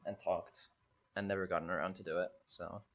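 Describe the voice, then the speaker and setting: A man's voice: deep voice, little pitch movement, fast, fairly bright tone. A young man from Bulgaria, co-hosting a casual podcast chat in a hesitant, rambling way full of fillers. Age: young adult. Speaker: podcast co-host. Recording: dull lo-fi sound.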